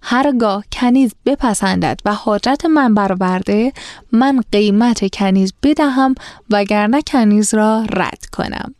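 A woman's voice: medium pitch, no echo, clean studio sound. Woman reading an old tale aloud. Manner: steady, formal reading; chatty when commenting. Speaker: storyteller. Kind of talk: reading a classical tale aloud, with casual asides.

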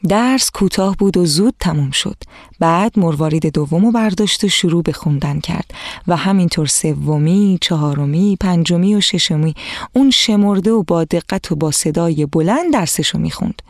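A storyteller reading a children's storybook aloud in a calm, measured way and speaking directly to young listeners. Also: medium pitch, dry recording, clean studio sound.

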